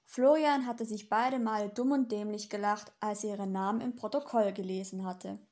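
A woman narrating a novel chapter as an audiobook in a steady, even storytelling manner. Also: medium pitch, normal speed. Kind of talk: scripted narration.

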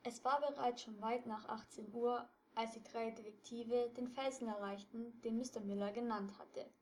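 A woman reading a detective story aloud with steady storytelling narration. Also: a little high, normal speed, slight background noise.

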